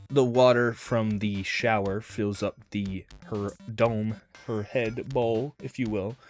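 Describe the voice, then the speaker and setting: A man's voice: mid-range voice, a little mellow. A man giving a casual, rambling commentary review of a cartoon episode, with lots of fillers and hedges.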